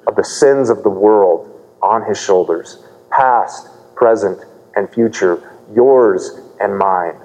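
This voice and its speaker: A man's voice: mid-range voice, mellow, in a large hall, poor audio. A man preaching a sermon as pastor, explaining a scripture passage earnestly and posing rhetorical questions to the congregation.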